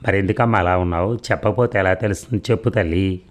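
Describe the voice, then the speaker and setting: A man reading the lines of a caring middle-aged aunt, gentle and coaxing, for an audio story. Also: low voice, quick pace, natural voice.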